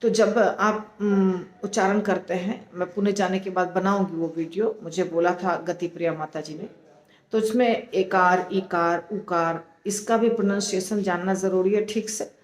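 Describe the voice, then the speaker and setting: A woman teaching the pronunciation of scripture, slow and deliberate, sounding out syllables one at a time. Her voice sits at an ordinary middle pitch and carries a noticeable echo from the room around her. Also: fairly even intonation.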